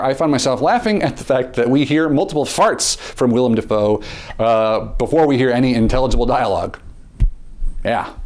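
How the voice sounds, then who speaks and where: A man reads a scripted film review with theatrical flair. His pitch leaps and swoops all over, and he slows right down to stress key words. His voice sits at a middle pitch. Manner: theatrical, with dramatic pitch swings and slowed emphasis; repeats words at the start of phrases.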